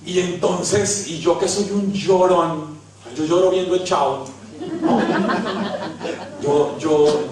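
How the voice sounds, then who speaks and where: A Colombian preacher with a high voice tells funny stories about himself, dropping to a hush and then rising again. He sounds far from the mic in a very echoey hall. Faint noise sits under the recording. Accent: Colombian Spanish. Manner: storytelling, self-mocking, swings from hushed to loud. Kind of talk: humorous sermon. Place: large hall.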